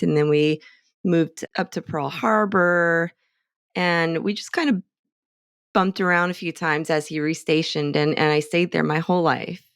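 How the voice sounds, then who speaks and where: Middle-aged woman from Hawaii, candid interview guest, slightly low voice, dry recording. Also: clean tone, no room sound. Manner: candid, chatty, self-assured. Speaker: interviewee, clinic staff member. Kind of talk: casual interview.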